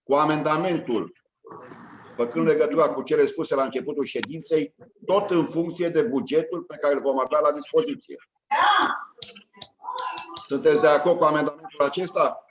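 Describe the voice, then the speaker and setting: A man chairing a county council meeting, reading out agenda items and calling votes in a brisk, routine way. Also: a little high, slight background noise, low-quality recording. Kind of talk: formal procedural chairing.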